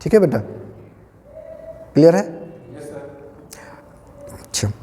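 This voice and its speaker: A man's voice: fairly high pitch, big pitch swings, slow, warm tone, slight background noise. Male teacher, classroom lecture, patient questioning, echoey hall. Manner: patient, asks students questions, calls them "beta". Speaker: biology teacher. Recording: long echo in a hall.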